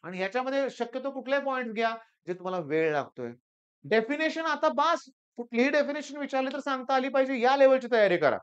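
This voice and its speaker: An extremely high-pitched, animated voice races along with few pauses: a middle-aged tutor giving an emphatic exam-prep talk and sharing stories from his classes to urge students on. His tone is clean, though the recording is muffled.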